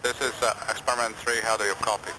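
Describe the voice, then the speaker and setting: Man, low voice, ground controller, crackly walkie-talkie radio, heavy static, measured hesitant technical talk. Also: flat delivery. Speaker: ground-based experiment controller. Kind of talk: radio communications with a spacecraft. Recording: noisy crackly space-to-ground radio link.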